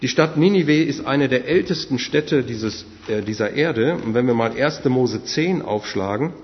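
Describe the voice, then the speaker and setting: A man's voice: medium pitch, lively intonation, measured pace. A man preaching a sermon in an earnest way, speaking directly to his listeners. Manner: earnest, addresses listeners directly, some fillers. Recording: dull sound with long hall reverb.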